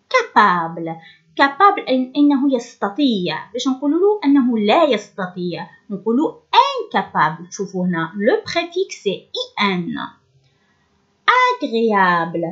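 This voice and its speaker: A woman's voice: fairly high pitch, muffled recording. Patient woman teacher explaining word by word. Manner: switches between French and Arabic, stresses words slowly. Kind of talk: workbook lesson explanation.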